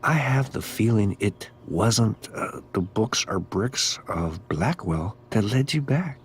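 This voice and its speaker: A man playing a creepy, cryptic, gently philosophical school groundskeeper in a video game, with a slow, ominous drawl. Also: fairly low pitch, animated, a little hiss or hum. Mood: cryptic, knowing. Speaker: groundskeeper character.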